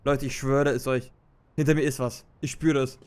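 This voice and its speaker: A man's voice: mid-range voice, flat delivery, normal speed, a little mellow, clean tone. A young man commenting on a horror game as a streamer, slangy and jumpy, yelping when startled. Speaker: let's play streamer. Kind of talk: casual gameplay commentary. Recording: game audio with music.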